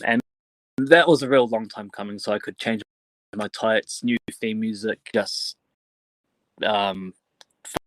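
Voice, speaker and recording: A man giving casual interview answers as a professional wrestler, in halting, fragmented phrases with some casual swearing. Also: lowish voice, dry recording, poor audio.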